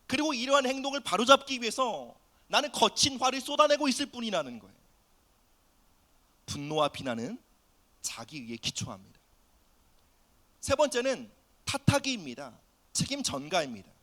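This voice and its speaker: A man preaching an earnest sermon in a high, bright voice that rises and falls widely. He often sinks to a soft near-whisper to press a point home, and acts out quoted family voices as he goes. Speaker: pastor.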